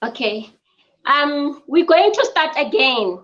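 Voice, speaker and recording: A South African spa owner answers interview questions from her mother's home, earnest and measured with frequent ums. Her voice is high, very animated and a bit bright, though the lo-fi audio sounds dull.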